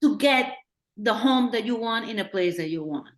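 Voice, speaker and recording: A middle-aged woman from Peru with a Peruvian accent, talking earnestly as a director in a Q&A and thinking out loud with restarts. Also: a little high, expressive, normal speed. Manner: earnest, thinking aloud with restarts and acted-out quotes. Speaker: documentary director. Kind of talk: Q&A discussion. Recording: roomy echo.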